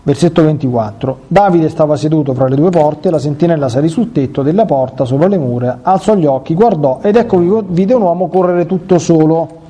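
A male catechist reads scripture and breaks off into conversational commentary aimed at his listeners. His voice is mellow and warm and sits a little high for a man. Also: brisk, few pauses. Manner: conversational, addresses listeners directly. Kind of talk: Bible reading with commentary.

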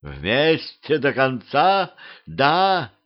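A cruel vampire queen, hungry for power, drawing her words out slowly with cold menace, as a man reads her in an audiobook. The sound is a little dull. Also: mid-range voice, smooth, close to an everyday voice. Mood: menacing.

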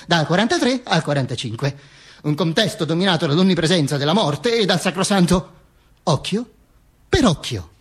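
Playing the corpse of a dead dictator in a radio monologue, a male actor becomes a macabre, sardonic and bombastic narrator, declaiming with halting stammers. His voice is husky and on the high side, and his tone is mock solemn.

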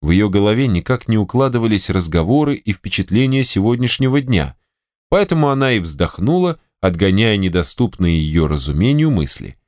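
Low, expressive male audiobook narrator. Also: moderate pace, dry recording, studio quality. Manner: expressive storytelling.

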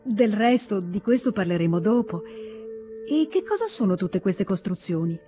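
A woman reading an audiobook, voicing a careworn, kindly mother who speaks in a higher, questioning way. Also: lively intonation, a little slow, music in the background, close to an everyday voice. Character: careworn mother, kind, somewhat reserved. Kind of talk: audiobook character voice.

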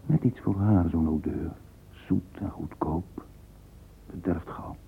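A middle-aged man, pensive and sensual, delivers a radio drama interior monologue in a very low, creaky, halting murmur with fairly even intonation, fully in character. He sounds curious and alone with his thoughts, murmuring as he thinks aloud. The old recording is muffled and phone-like, with faint hiss.

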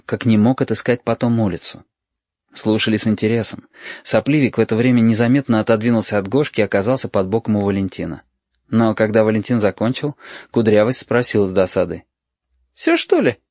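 A man reading a story aloud as audiobook narrator, expressive and lively. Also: lowish voice, no echo, muffled recording.

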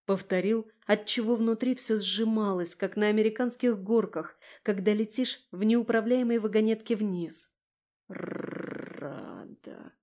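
A woman reading a first-person story aloud as an audiobook, acting out her heroine's lines with shouts and whispers. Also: mid-range voice. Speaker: audiobook narrator.

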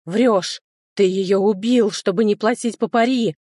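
A woman's voice: mid-range voice, a little slow, warm tone, dry recording, studio quality, close to an everyday voice. Woman voicing a furious duke-mage man. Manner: commanding, demanding. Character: angry young male duke, a mage.

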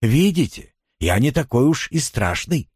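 A man voicing a commanding wealthy gentleman who speaks softly, slowly and insistently to a woman. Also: medium pitch, big pitch swings, husky, no room sound, studio quality, pitched above the performer's own voice. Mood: coaxing. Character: commanding wealthy older man, tenderly coaxing.

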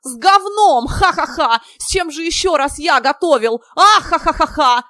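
A woman voicing a boisterous young man who shouts his jokes and roars with laughter. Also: high-pitched, a little slow, no echo, clean studio sound, voice pushed up. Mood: rowdy. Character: loud guffawing young man, boisterous joker.

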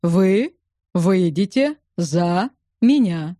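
A woman voicing a drily ironic, unflappable gentleman who speaks deadpan. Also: mid-range voice, normal speed, no room sound, clean studio sound, lightly acted.

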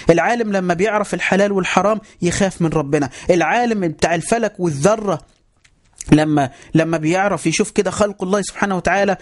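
Egyptian male religious teacher, high voice, quick delivery, emphatic and repetitive, keeps calling for listeners' attention. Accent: Egyptian Arabic. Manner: emphatic, repeats phrases, keeps telling listeners to pay attention. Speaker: Islamic teacher. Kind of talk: religious lesson on a voice chat app.

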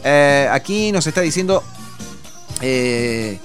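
A middle-aged Argentine man hosting a radio show, effusive and chatty, stumbling over fillers and restarts as he reads listeners' messages. His voice sits at an ordinary middle pitch. Soft music plays faintly beneath him. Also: animated, takes it slowly. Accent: Argentine Spanish. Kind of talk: casual radio talk.

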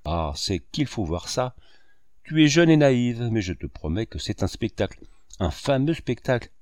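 A man's voice: big pitch swings, normal speed, a little mellow, no room sound, studio quality, lightly acted. A man voicing a mocking old male ranter. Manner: declaiming, booming laughter. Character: boisterous sarcastic old male painter, mocking. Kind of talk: audiobook character reading.

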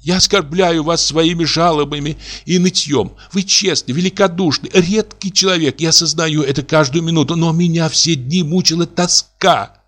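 A man's voice: fairly high pitch, moderate pace, a bit bright, pitched above the performer's own voice, natural voice. Tearful young woman in love, pleads in a raised, shaking voice; a male reader puts her on. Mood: pleading. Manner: pleading, sobbing outbursts. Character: anguished young woman, emotional, tearful lover. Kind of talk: audiobook reading.

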